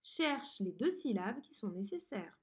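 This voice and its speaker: A woman teaching a dictation lesson to a young pupil, pronouncing each word slowly and clearly. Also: medium pitch, big pitch swings. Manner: slow, clearly articulated teacher talk to a child. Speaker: primary school teacher.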